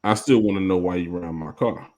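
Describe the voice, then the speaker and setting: A man's voice: sits low, fast talker, dark tone, poor audio. A man co-hosting a podcast, talking in a casual, emphatic way and often checking in with "you know what I mean". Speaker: podcast co-host. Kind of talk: casual discussion.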